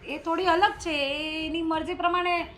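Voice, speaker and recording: An actress playing a meek daughter-in-law who hesitantly tries to calm her strict mother-in-law. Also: very high-pitched, moderate pace, soft background music. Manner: hesitant, soft, placating. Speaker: actor in a short film. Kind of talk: family drama acting.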